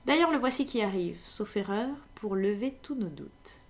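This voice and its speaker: A woman reading aloud in French, voicing a sharp, confident male detective with dry irony in her plain own voice. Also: mid-range voice, animated, normal speed, lightly acted. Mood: assured. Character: sharp, self-assured male detective, middle-aged.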